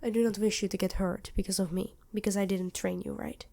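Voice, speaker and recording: A woman takes on the role of a vampire queen who has lived for centuries, delivering ASMR roleplay in a soft, mellow, creaky voice that is mid-range with fairly even intonation. Regal but motherly, protective and worried, she speaks formally and tenderly in measured, paused phrases. The mood is grave and warning.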